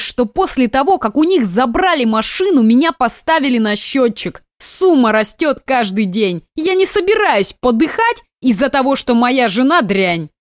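A sneering, furious husband spits out his words, voiced by a woman reading the story. He mocks and shouts, his voice pushed higher and louder than a calm speaking voice. The sound is close and dry. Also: no room sound, close to an everyday voice. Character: angry mocking husband, grown man.

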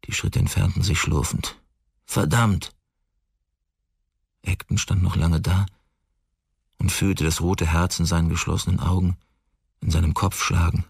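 A man narrates a radio drama in slow, measured tones. His voice is very low and gravelly, with a husky grain. The studio sound is close and dry. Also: little pitch movement, dry recording.

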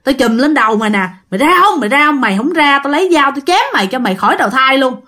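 A gruff older husband, scolding and forceful, as a woman narrator puts him on. The voice stays close to her own high pitch. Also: animated, fast talker. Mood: angry.

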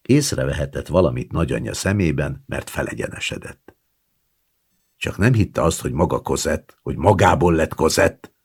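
A man narrating a literary short story in an expressive, dramatic reading with hushed asides. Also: extremely low pitch, vocal fry, husky. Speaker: audiobook narrator.

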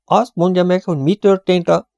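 An excitable prince presses on with raised, agitated urgency, as a male audiobook reader voices him. The voice sits higher than the reader's own but keeps a mellow, dry sound. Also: creaky, no echo. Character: excitable impatient nobleman, a prince.

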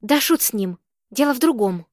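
A woman reading the lines of a composed young woman who speaks quietly and in a measured way. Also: a little high, lively intonation, no room sound, clean studio sound, natural voice. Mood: calm.

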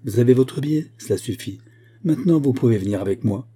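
A man's voice: mid-range voice, animated, a little fast, warm tone, close to an everyday voice. A man voicing a bitter, commanding middle-aged man who speaks with mocking scorn.

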